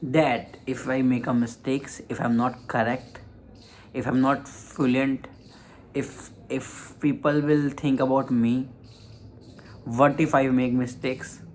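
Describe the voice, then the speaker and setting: A man talks through public speaking advice at an unhurried, slow pace. His voice sits at a middle pitch, and he pauses often, restarting phrases as he goes. It is a motivational lesson on confidence. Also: flat delivery, slight background noise, poor audio. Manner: slow, deliberate delivery with frequent pauses and restarts. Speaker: communication skills coach. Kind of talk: motivational self-help lesson.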